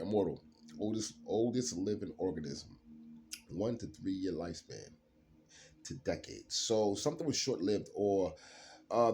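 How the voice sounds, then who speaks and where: A man's voice: on the low side, a little hiss or hum. A man doing a late-night solo card reading, rambling and laughing often as he drawls through his thoughts. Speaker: card reader.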